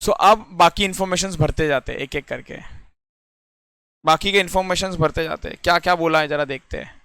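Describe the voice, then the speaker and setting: A man's voice: fairly high pitch, brisk, sharp tone, smooth, dry recording, studio quality. A young man teaching a puzzle lesson in Hindi mixed with English in an Indian accent, explaining step by step and often asking if students follow. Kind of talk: classroom lecture on reasoning puzzles.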